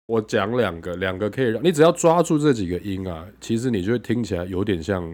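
A man's voice: on the low side, lively intonation, fast talker, darkish tone. A man in a casual chat, switching between Mandarin and English and playfully demonstrating pronunciation. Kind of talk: casual bilingual chat teaching accents.

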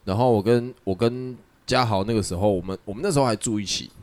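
A man hosting a casual chat podcast, telling stories in an animated way and laughing often. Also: on the low side, fast talker. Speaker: podcast host.

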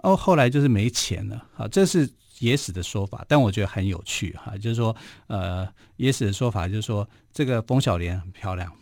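A man's voice: lowish voice, expressive, fairly quick, hardly any pauses, darkish tone, no echo. A man with a Taiwanese Mandarin accent hosting a radio history show, telling stories casually with many filler particles, recorded in a studio. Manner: chatty, frequent filler particles.

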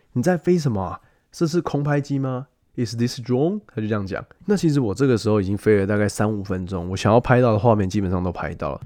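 A man hosting a travel storytelling podcast, chatty and animated, often speaking straight to the listener. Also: fairly low pitch, dry recording, studio quality. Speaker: podcast host.

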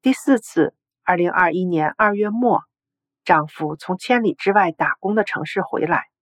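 A woman narrating a story article in a steady, even storytelling read. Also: on the low side, normal speed, dry recording.

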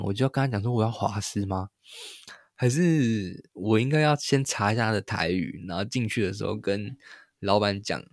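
A man's voice: on the low side, no room sound, clean studio sound. A young man with a Taiwanese Mandarin accent, telling a rambling solo story as a podcast host and laughing at himself. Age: young adult.

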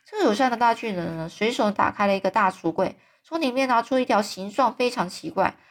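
Chatty woman reading a storybook aloud. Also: medium pitch. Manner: chatty, adds fillers and explanations. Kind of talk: casual storybook read-aloud.

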